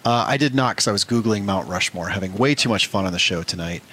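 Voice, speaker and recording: A man's voice: fairly low pitch, fast talker, fairly bright tone. A man co-hosting a trading card show in casual, bantering chat. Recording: faint background room noise.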